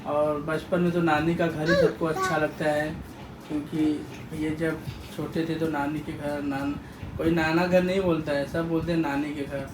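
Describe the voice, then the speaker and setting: A man filming a casual family vlog at home on his phone, consoling his family and talking gently to his small child. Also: a little high, little pitch movement, moderate pace, noisy background. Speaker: vlogger, father. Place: home, indoors. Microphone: handheld phone.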